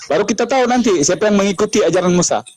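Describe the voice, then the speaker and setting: A man's voice: sits high, expressive, rapid-fire, a little mellow, low-quality recording. A man with an Indonesian accent, a preacher in a heated live debate who presses the same question again and again. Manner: insistent, repeats questions.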